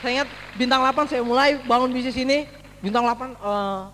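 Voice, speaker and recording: A man giving a motivational testimony to a seminar audience, telling his story in an animated way, full of exclamations and direct address. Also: very high voice, brisk. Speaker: network marketing member giving a testimony. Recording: reverberant hall with faint background noise.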